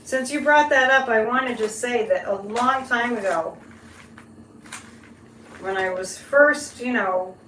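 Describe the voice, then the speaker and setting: Chatty woman, higher voice, roomy echo. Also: slow, pauses often, fairly bright tone. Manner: conversational, addresses listeners directly. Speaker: psychic live-stream host. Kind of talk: casual chat with live viewers. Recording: roomy echo, background noise.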